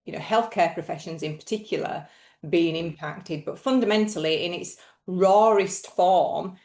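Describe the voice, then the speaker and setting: A woman from Northern England, her voice lowish and somewhat dark, earnestly explains her field as a guest expert on a podcast interview. The recording has a roomy echo.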